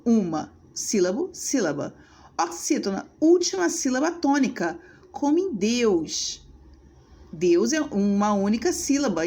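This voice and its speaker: A woman's voice: a little high, a little mellow. A woman teacher giving a grammar lesson, stressing each example word and checking in with her students through short questions.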